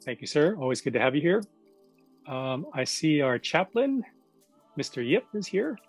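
A man's voice: on the high side, sing-song, normal speed, husky, soft background music. A man hosting a commemorative video call, casually calling on guests one by one. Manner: casual, friendly, calls on guests by name. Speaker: event host.

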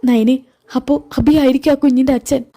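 A woman voicing a frightened young wife who has just discovered her husband's betrayal, talking in high, alarmed bursts. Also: fairly even intonation, fairly quick, dark tone. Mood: distressed.

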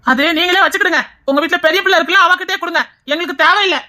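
A woman's voice: very high-pitched, very fast, pushed and bright. Woman playing a hot-headed younger brother. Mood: defiant. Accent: Tirunelveli Tamil. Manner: defiant, curt.

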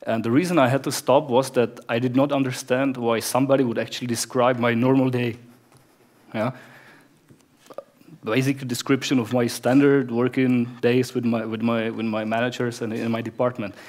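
Man, czech accent, thirties, flat intonation, headset mic, halting conference talk on stage. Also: medium pitch. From Czech Republic. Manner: hesitant, many word repeats and restarts. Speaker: conference speaker, production director. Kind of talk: conference talk without slides. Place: bright stage of a conference hall. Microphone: headset microphone.

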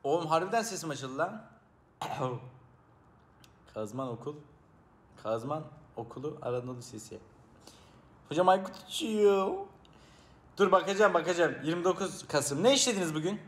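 A man with a high voice streams live, joking and teasing his viewers as a mock teacher. His pitch climbs and dips all over the place, and he swings from loud outbursts to low mumbles. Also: animated, moderate pace, long pauses.

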